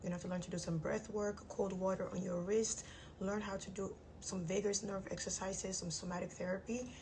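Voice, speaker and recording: A woman's voice: mid-range voice, darkish tone, slight background noise, poor audio. A woman in her thirties gives blunt, emphatic advice straight to the audience, speaking through clenched teeth because her jaw is wired shut. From Nigerian immigrant household. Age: 30s. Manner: emphatic, blunt, repeats key phrases for emphasis. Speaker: vlogger giving self-help advice. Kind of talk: direct-to-audience motivational advice talk.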